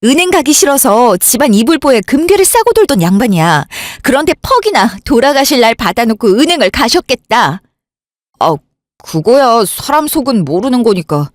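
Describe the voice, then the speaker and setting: This is a calm, evasive husband, voiced by a woman in a radio drama. He talks in a low, soothing, stalling way. The sound is close and dry, with no room around the voice. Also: normal speed, dry recording. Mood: placating. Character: calm, evasive man, elder sister's husband. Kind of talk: Korean radio drama acting.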